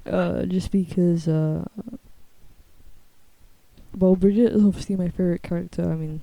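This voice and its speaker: Dark-voiced young woman talking through retainers. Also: steady tone, normal speed, creaky, no echo. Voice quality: slightly lisping speech from wearing dental retainers. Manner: blunt, slangy, flippant. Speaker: video creator. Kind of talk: casual rambling monologue. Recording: low-quality muffled microphone.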